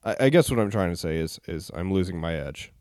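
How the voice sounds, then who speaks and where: A man who works as a DJ, talking casually and alone, rambling with relaxed restarts. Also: low-pitched, fairly quick, no echo, clean studio sound. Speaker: DJ and podcast host. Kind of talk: casual solo talk.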